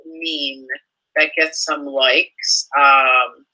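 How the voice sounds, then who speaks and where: A very deep yet steady, bright, forceful voice belongs to a young woman on a low-quality recording. She reads online comments aloud and answers with an indignant, sarcastic, profane rant, stumbling and restarting as she goes.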